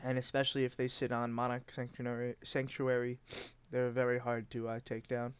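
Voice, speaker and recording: Here the same kind of host and commentator calls a card game casually, nose blocked up, wandering through his thoughts with frequent "uh" fillers and false starts. He speaks in a mid-range monotone at a moderate pace; the tone is clear and resonant without echo, but the recording is muffled.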